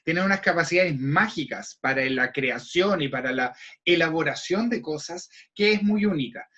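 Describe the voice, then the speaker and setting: Upbeat, high-voiced Chilean man. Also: expressive, moderate pace, bright, forceful tone, muffled recording. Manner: enthusiastic, playful, conversational. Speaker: host. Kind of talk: explanatory roleplaying-game chat.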